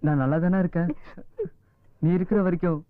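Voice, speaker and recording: A man's voice: fairly high pitch, steady tone, a little fast, no room sound, natural voice. An actor playing a desperate, lovesick young man who begs in a film drama. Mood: pleading. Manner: pleading, desperate. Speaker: film character. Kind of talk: Tamil film drama acting. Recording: tinny lo-fi film audio with music.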